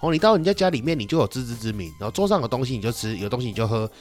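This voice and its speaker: A man's voice: medium pitch, big pitch swings, rapid-fire, soft background music. A man with a Taiwanese Mandarin accent hosting a podcast, ranting in a casual, comedic and profane way. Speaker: podcast host.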